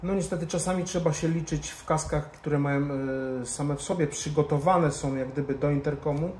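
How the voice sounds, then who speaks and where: Fairly high-pitched and a little mellow, this motorcycle vlogger talks fairly quickly with fairly even intonation. He handles a hands-on tutorial casually and informally, muttering to himself often as he works. Expect roomy echo and background noise from the indoor garage-bar lounge.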